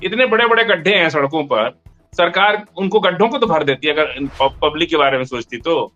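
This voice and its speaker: High bright voiced guy arguing in a debate, dull lo-fi sound with faint music under it. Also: expressive, brisk. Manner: argumentative, emphatic, interrupts. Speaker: debate panelist. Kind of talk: heated political discussion.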